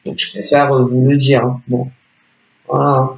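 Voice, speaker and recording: A man's voice: mid-range voice, flat delivery, unhurried, vocal fry, echoey room, poor audio. A man giving a casual spoken tarot reading as a psychic, hesitant and repetitive, full of filler words. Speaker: psychic reader.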